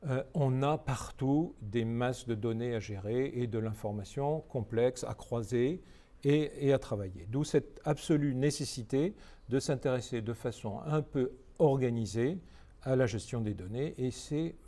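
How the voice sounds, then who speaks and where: A man's voice: medium pitch, a little slow, warm tone. A middle-aged man from France giving a training lecture, hesitant with many fillers and restarts.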